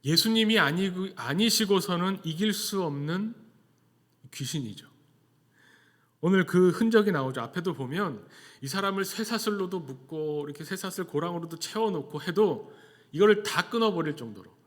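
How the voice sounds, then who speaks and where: Man, pastor, sermon, conversational, rhetorical questions, slightly high voice, long hall reverb. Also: lively intonation, moderate pace.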